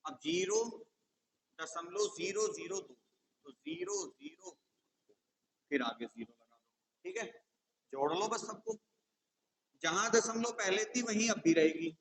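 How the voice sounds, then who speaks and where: High-voiced maths tutor explaining patiently. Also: male voice, expressive, unhurried, long pauses, fairly bright tone, low-quality recording. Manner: patient, step-by-step, checks with "theek hai". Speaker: maths tutor for exam coaching. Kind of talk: whiteboard maths lesson.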